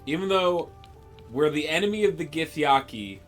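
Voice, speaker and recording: A man giving casual live commentary on a video game, musing aloud in a halting way as he plays. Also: a little high, lively intonation, faint music behind. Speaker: game streamer.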